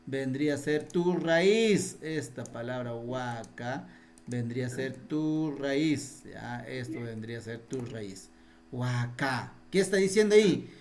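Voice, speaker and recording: A man's voice: mid-range voice, animated, takes it slowly, darkish tone. A man teaching a Quechua spelling class in Peruvian Spanish over a video call. He repeats his points patiently and quizzes his students. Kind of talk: online class, explaining spelling.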